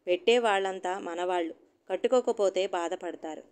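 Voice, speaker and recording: A woman's voice: on the low side, moderate pace, clear, resonant tone, natural voice. Woman reading as a peevish middle-aged housewife. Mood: irritable. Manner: sharp, peevish complaining.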